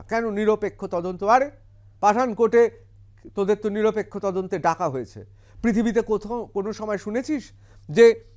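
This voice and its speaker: This is a male news commentator, tearing into his subject with scorn and heavy emphasis. His voice sits high and leaps around expressively from word to word. He pauses now and then to read out English quotes before explaining them. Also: darkish tone. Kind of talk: heated political commentary.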